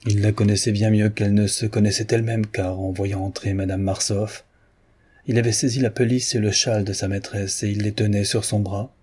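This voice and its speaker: A man narrating a classic novel in a measured, even reading style. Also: fairly low pitch, breathy edge. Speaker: audiobook narrator. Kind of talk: literary narration.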